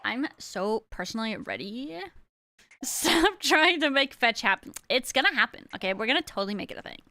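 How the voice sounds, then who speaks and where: A woman's voice: on the high side, expressive, moderate pace, pushed and bright, no echo. A woman streamer in her thirties chatting casually on a livestream, hamming up a playful valley girl manner with mock slang and self-mocking jokes. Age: 30s.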